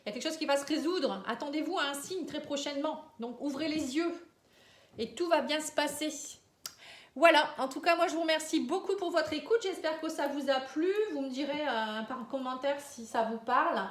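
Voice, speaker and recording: High-voiced woman reading cards. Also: fairly quick, echoey room. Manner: hesitant, frequent euh and hein fillers. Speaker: tarot reader. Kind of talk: casual card-reading guidance.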